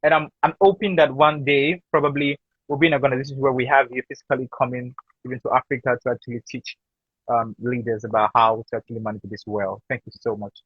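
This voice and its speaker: Male host, grateful and effusive, husky voice, muffled dry call sound. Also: medium pitch, flat delivery, quick pace, no echo. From Nigeria. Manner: effusive, thanks the guest again and again. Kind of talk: live online interview.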